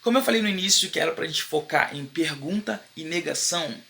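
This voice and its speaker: A man with a Brazilian Portuguese accent teaching a casual online English lesson, speaking in slangy informal Portuguese and slowly repeating the English phrases for his learners. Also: on the high side, expressive, gravelly, pushed and bright. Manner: slow, drawn-out repetition of English phrases for learners; informal, slangy Brazilian Portuguese with frequent "beleza?" check-ins.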